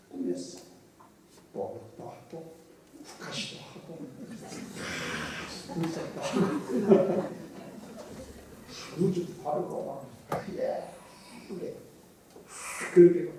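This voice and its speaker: Male pastor, middle-aged, joking storyteller, mellow voice, distant mic, roomy church echo. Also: medium pitch, slight background noise. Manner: folksy storytelling with jokes and dialect impressions. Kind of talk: sermon. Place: church sanctuary.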